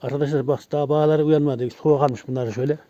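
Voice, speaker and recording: A man's voice: a little high, fairly even intonation, fast talker, mellow. A man hosting a casual vlog, chatting outdoors in a garden. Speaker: vlog host. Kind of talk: casual chat. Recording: dull lo-fi outdoor recording.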